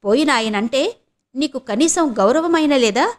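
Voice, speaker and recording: A woman voicing a proud, quick-tempered young husband in an audio novel, curt and commanding. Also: high voice, expressive, voice pushed up.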